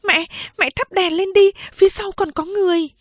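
A woman's voice: very high-pitched, steady tone, normal speed, dry recording, pitched above the performer's own voice. A woman playing a sobbing young daughter. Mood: tearful pleading. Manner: tearful, pleading. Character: desperate young woman begging her mother.

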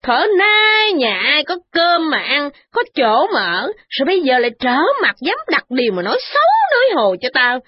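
A woman voicing a domineering older landlady who berates and shouts. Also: high voice, very animated, moderate pace, few pauses, pitched above the performer's own voice. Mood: furious. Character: domineering older landlady, quick-tempered, scolding. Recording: dull lo-fi recording.

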